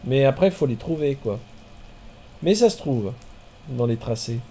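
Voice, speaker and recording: A man streaming a marbles race game, commenting in a chatty way with bursts of excited exclamations. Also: medium pitch, measured pace, slight background noise.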